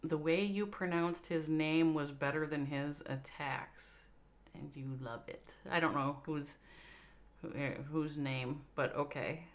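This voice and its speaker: A woman's voice: low voice, a little slow. A woman with a Minnesota accent giving chatty, playful live commentary on a mobile strategy game match, reacting to chat and laughing along. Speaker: esports caster.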